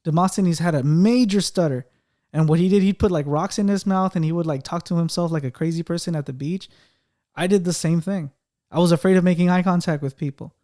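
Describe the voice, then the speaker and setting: A podcast host with a fairly high voice, a dark tone and a slight stutter chats casually and briskly. He's animated, restarts often, and mimics other people's voices to make his points.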